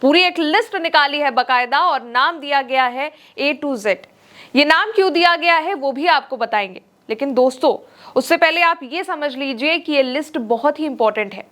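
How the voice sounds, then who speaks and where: A woman's voice: sits high, lively intonation, normal speed, fairly bright tone. A woman presenting scripted political news narration in an emphatic, dramatic way.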